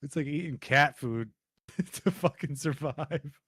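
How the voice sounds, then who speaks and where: A man's voice: a little high, slow pace, a bit bright, slightly rough, dry recording, studio quality. A man playing along with a streamer, chatting bluntly and crudely with lots of laughter. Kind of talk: casual gaming chat.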